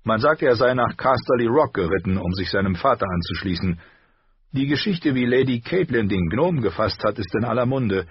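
A man voicing a brisk guard captain giving a dutiful report. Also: medium pitch, animated, breathy edge, no echo, dull audio, voice pushed up.

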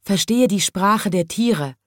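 A woman voicing a shy, gentle little man who works as a kind zookeeper, in a calm storybook reading. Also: medium pitch, slow pace, dry recording, studio quality, close to an everyday voice. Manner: calm, modest, soft-spoken.

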